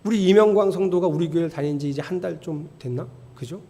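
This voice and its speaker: Lively high-voiced pastor in reverberant hall. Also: male voice, fast. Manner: animated storytelling, rising to emphatic near-shouting. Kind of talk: sermon. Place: church sanctuary. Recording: long church hall reverb.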